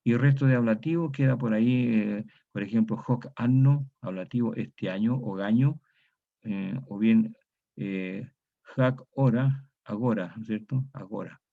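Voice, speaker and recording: Gravelly Latin American lecturer, low voice. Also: male voice. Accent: Latin American Spanish. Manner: methodical, repeats example words slowly, asks "¿cierto?". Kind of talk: university lecture on historical grammar. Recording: dull lo-fi recording.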